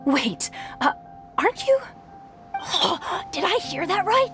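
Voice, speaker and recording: A woman playing an excitable, easily flustered tournament registration clerk in a video game. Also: extremely high pitch, takes it slowly, soft background music, full character voice. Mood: flustered, starstruck. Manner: hesitant, excitable.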